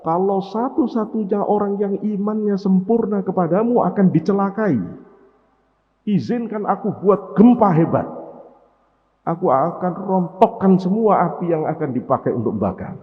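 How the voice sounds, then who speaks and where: A male preacher voicing the earth as it cries out in loud, indignant protest, recorded on a tinny line in an echoey hall. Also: high voice, moderate pace, voice pushed up, lightly acted.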